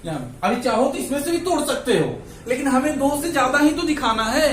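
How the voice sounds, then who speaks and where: A man's voice: very high voice, very animated, a little fast, a little hiss or hum. A male maths teacher working through problems with his class, speaking mixed with English terms and often checking in with "ठीक है ना". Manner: repeats "ठीक है ना", counts steps aloud. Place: classroom with students. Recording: echoey classroom, mic far off.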